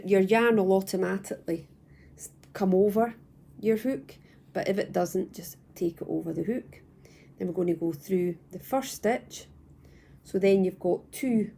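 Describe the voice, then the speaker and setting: A young woman from the UK calmly walking viewers through crochet stitches step by step at home, patient and repeating herself as she goes. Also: medium pitch, creaky, breathy edge. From United Kingdom. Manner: calm, patient, repeats and restarts phrases. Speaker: crochet tutor. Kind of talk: step-by-step craft tutorial. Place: at home, indoors.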